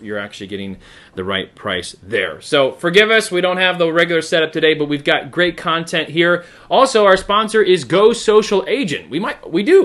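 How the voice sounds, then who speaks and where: A man hosting a live online show, chatty and energetic, with frequent fillers. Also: a little high. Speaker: host.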